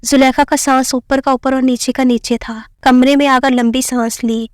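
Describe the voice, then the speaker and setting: A woman narrating a romance novel in a steady reading voice. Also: high-pitched, normal speed, dry recording, clean studio sound. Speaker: story narrator.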